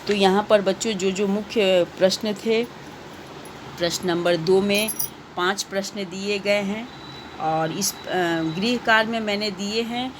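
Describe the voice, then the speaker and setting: A woman's voice: mid-range voice, steady tone, unhurried, noisy background. A woman teaching a recorded class to children, reading out questions and patiently repeating the answers.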